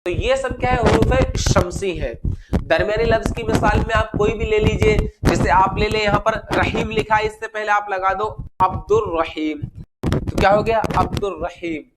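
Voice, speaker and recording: A man teaching a grammar lesson, asking the class questions and answering them himself, slowing down to spell out each example word. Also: sits high, fairly even intonation. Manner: slows down to spell out example words. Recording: noisy recording.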